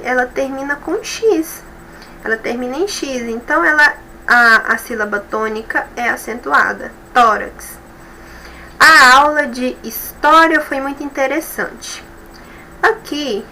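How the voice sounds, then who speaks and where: A woman teacher with a Brazilian Portuguese accent explains each step slowly and patiently, checking again and again that her students follow. Her voice is bright and sits a little high. A faint hiss runs under the recording. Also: low-quality recording. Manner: slow, explanatory, repeats rules and checks with "tá bom?". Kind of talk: recorded school review lesson.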